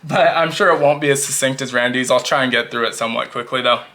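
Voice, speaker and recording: Bright-voiced chatty man reviewing knives. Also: mid-range voice, fast. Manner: chatty, talkative, rambling asides. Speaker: knife collection reviewer. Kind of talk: casual product review. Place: at a table showing knives.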